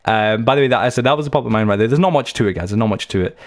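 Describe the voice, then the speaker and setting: The voice is a mid-range one that races, belonging to a young British man who hosts a game channel. He gives a rambling, talkative let's-play tour stuffed with stories, fillers and restarts.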